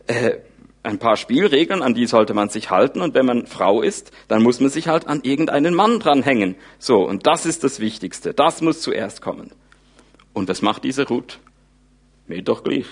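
A man preaching a sermon, retelling a Bible story in a lively, informal way and speaking the characters' thoughts aloud. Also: medium pitch, moderate pace. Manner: animated, wide swings in loudness.

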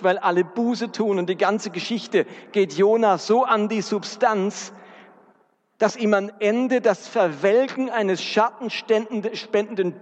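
A man preaching a sermon, earnest and speaking directly to his congregation. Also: sits high. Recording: dull recording with long hall reverb.

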